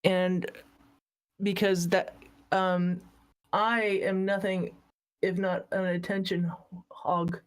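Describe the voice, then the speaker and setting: A woman co-hosting a podcast, chatty and playful, often poking fun at herself. Her voice sits a bit lower than most women's. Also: level tone, slow pace, pauses often, clear, resonant tone. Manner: chatty, playful, self-mocking. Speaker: podcast co-host. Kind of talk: casual chat.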